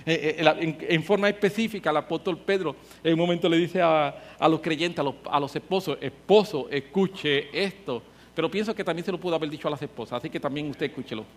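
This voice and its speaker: A man's voice: a little high, quick pace, few pauses. A man preaching a sermon, passionate and emphatic, his volume rising and falling as he presses his points.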